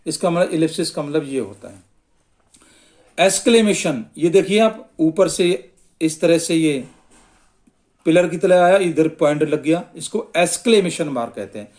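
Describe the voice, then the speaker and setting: Slow-paced man teaching grammar. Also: on the high side, a little mellow. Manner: slow, repetitive explaining, mixes English terms into Hindi. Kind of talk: whiteboard grammar lesson.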